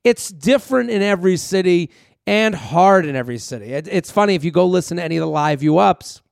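A man with a high voice and plenty of fry delivers a casual solo podcast monologue. He rambles conversationally and addresses listeners directly, sounding clean and very dry. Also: expressive, a little fast, no echo. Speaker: comedian podcast host.

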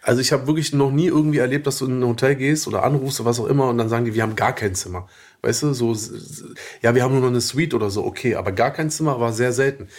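A man chatting with his wife on a podcast at a middle pitch, words coming fast. His talk is relaxed and slangy, full of easy banter. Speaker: podcast guest, husband. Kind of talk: casual chat.

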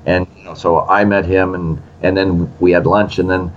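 This interview guest is a screenwriter in his sixties with a deep voice, speaking at a moderate pace as he animatedly tells a story and voices the quoted people himself. The recording has its highs cut off and carries a little hiss or hum.

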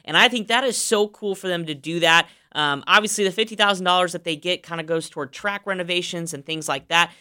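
Bright, crisp-voiced racing podcast host. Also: male voice, high-pitched, a little fast, few pauses. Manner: upbeat, emphatic, many fillers. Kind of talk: racing news recap.

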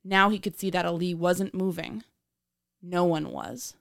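A woman with a lowish voice narrates true crime as a podcast host. Her delivery is scripted, measured and dramatic, recorded dry and close with no room sound. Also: fairly even intonation, creaky, dry recording.

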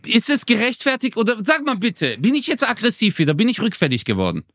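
A man's voice: sits high, wildly swooping pitch, fast talker, a bit bright, no echo, studio quality. A man co-hosting a podcast, telling a story in casual chat, acting out the quotes and laughing often. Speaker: podcast co-host.

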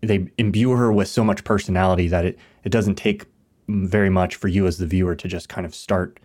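Deep-voiced man reflecting on a film. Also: fairly even intonation, a little fast, darkish tone. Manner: reflective, thinks aloud with restarts. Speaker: podcast co-host. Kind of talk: casual film discussion.

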